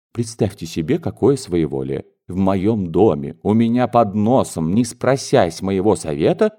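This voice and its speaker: Audiobook figure: male narrator reads an anxious, stammering general's wife in a low, mellow tone. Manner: fretful, hesitant, flustered. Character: flustered middle-aged mother, a general's wife.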